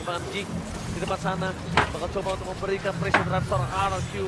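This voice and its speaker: A man's voice: sits high, monotone, very fast. A man with an Indonesian accent casting an esports match like a fighting game announcer, dramatic, with English catchphrases mixed in. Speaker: esports play-by-play caster. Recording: loud crowd and arena noise behind. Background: cheering crowd, loud event noise.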